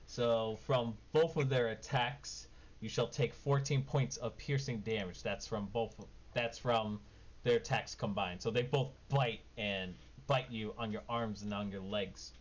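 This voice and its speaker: A man's voice: fairly low pitch, steady tone, measured pace. A man narrating as game master of a tabletop game, in a casual, informal way. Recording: dull lo-fi mic, background noise.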